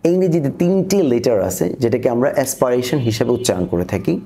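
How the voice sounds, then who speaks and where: A man with a Bangladeshi accent leads a phonetics lesson, saying each example twice in a slow, deliberate drill. His voice is gravelly and mellow, with some fry. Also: mid-range voice, sing-song. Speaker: English pronunciation teacher.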